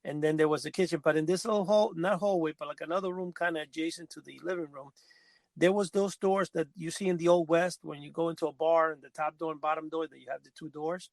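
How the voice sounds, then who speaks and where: A man's voice: on the high side, steady tone, fast, dry recording. A man from Cuba, co-hosting a podcast, telling a long story in a rambling way and often correcting himself. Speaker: podcast co-host. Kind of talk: casual storytelling chat.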